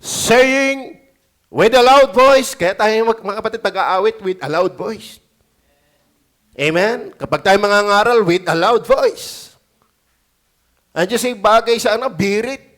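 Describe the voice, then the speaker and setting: High-voiced preaching man, shouting and calling out. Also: animated. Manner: preaching with rising shouts and calls of "Amen?"; mixes scripture read slowly in English. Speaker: pastor. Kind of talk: sermon at a prayer meeting. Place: church.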